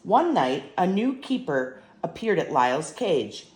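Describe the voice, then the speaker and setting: An older woman reading a children's storybook aloud as a grandmother would, in an expressive, emphatic way. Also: fairly low pitch, a little slow, echoey room.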